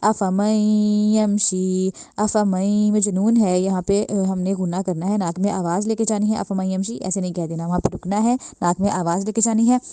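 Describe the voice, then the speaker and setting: Dark-voiced woman drilling recitation slowly. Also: mid-range voice, steady tone, no room sound. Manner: drills words slowly, contrasts wrong and right forms. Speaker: Quran recitation teacher. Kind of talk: step-by-step pronunciation lesson.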